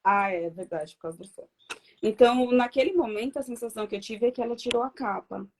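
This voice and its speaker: A woman's voice: a little high, fairly quick, a little hiss or hum. Woman giving an earnest faith testimony. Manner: earnest, reflective storytelling.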